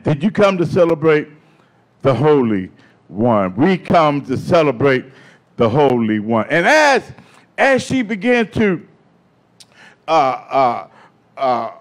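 A man preaching a sermon in call-and-response style, building from steady talk up to shouting. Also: a little high.

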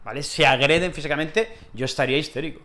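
A man's voice: fairly high pitch, fast. A man with a Spain Spanish accent teaching a casual language lesson, acting out little scenes with lots of fillers. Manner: animated, acts out little scenes, many fillers.

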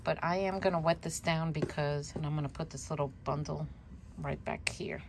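A woman with a low, gravelly voice speaks at a normal pace over background noise. A native Spanish speaker, she hosts a worm composting channel and films a casual show-and-tell vlog at home, chatting, laughing at herself, and repeating words as she shows off her bin.

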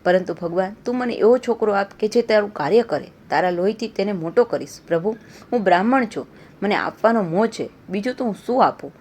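A woman's voice: medium pitch, expressive, a little fast, a little mellow, slightly rough. Woman playing a tender devoted mother. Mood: prayerful. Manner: tender, consoling. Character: poor devoted mother, gentle and tearful.

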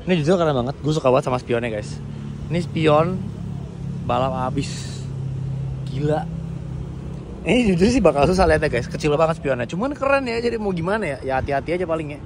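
A man with a Jakarta Indonesian accent vlogs enthusiastically from an outdoor car meetup, mixing casual slang with English car vocabulary. He talks fairly quickly, with a fairly high, expressive voice, over loud music and background noise.

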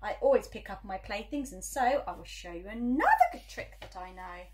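A woman voicing a playful, carefree male cat in a storybook, with a showy, coaxing, drawn-out delivery. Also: mid-range voice, lively intonation, a little mellow, close to an everyday voice. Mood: breezy.

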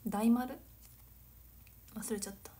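A woman in her twenties from Nagano, chatting casually on a livestream, giggling and drifting into soft whispered asides. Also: fairly high pitch, steady tone, slow, a little hiss or hum. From Nagano, Japan. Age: 20s. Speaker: livestream host. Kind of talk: casual chat reading viewer comments.

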